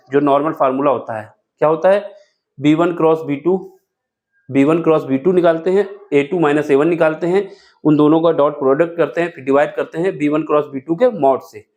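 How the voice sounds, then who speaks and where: A man's voice: a little high, a little mellow. A man teaching a board-exam math lesson step by step, asking questions and answering them himself. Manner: asks rhetorical questions and answers them, self-correcting aloud.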